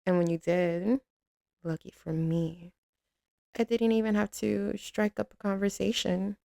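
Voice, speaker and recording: A woman with a medium-pitched, dark voice speaks steadily and at a measured pace, with vocal fry, in a dry, clean studio recording. She plays a tough, commanding mafia boss in an intimate ASMR roleplay, turning tender and teasing with her boyfriend. Her mood is affectionate and reminiscing, and she drawls in streetwise talk full of pet names.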